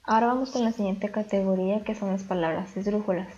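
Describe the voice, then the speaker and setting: A woman teacher explaining a lesson calmly and step by step in a voice-over. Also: mid-range voice, fast, dull audio, soft background music. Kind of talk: recorded grammar lesson.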